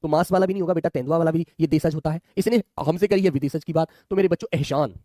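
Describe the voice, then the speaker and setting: Quick-talking guy running an online exam class, high voice, keeps calling the students his kids. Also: mellow, no echo, clean studio sound. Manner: chatty, calls students "my children" and asks them to answer. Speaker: exam coaching teacher.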